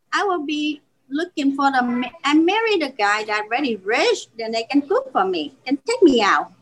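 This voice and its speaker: A restaurant owner in her forties speaks English with a Vietnamese accent, her first language being Vietnamese. Her voice sits a bit high, and she tells her story earnestly, stumbling and restarting as she goes. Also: fairly bright tone, rough recording. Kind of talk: podcast interview.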